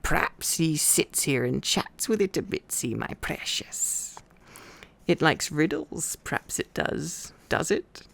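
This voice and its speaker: A man voicing Gollum-like storybook cave creature, wheedling and hungry, with a hissing, whispery rasp and broken, muttering speech. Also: on the high side, expressive, a bit bright, exaggerated voice. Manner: broken grammar, drawn-out muttering to itself. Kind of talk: storybook character voice in ASMR reading.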